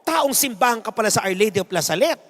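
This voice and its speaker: A man voicing Christ as a calm, matter-of-fact man in a joke, heard in an echoey hall. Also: sits high, fast talker, voice pushed down. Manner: calm and matter-of-fact, later laughing loudly.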